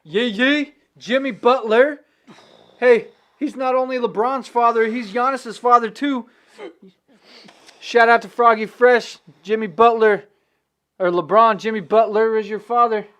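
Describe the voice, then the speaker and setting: A man's voice: very high-pitched, steady tone, a little slow, fairly bright tone, clear, resonant tone. A man co-hosting a podcast, chatting casually and profanely while watching a fight with his brother. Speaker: podcast co-host. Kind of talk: casual live-watch chat.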